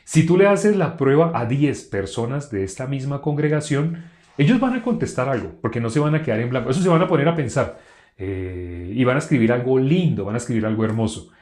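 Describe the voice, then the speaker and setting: A man preaching a sermon in an animated way, repeating phrases for emphasis and laughing between points. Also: mid-range voice, fairly quick, roomy sound.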